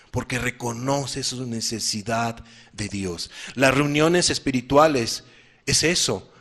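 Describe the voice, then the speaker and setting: A man's voice: mid-range voice, fairly bright tone, slightly rough. A man preaching a sermon, emphatic and repeating his key phrases as he addresses the listeners directly.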